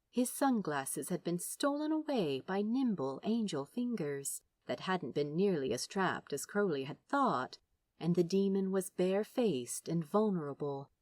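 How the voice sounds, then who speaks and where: A woman narrates fiction as an audiobook, reading from a script in a dramatic, emotive storytelling style. Her voice is lowish with a darkish tone, and there's no room sound.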